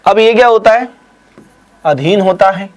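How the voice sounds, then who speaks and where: A Hindi exam teacher with a high-pitched voice runs a live online quiz. He spells words out slowly and deliberately, then moves along with quick praise and some teasing.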